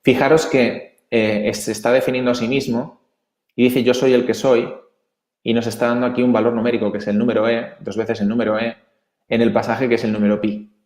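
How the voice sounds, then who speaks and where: A man's voice: mid-range voice, level tone, brisk, a little mellow, roomy sound. A man with a Spanish accent from Spain, explaining slides in an earnest, emphatic way with many restarts. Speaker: presenter.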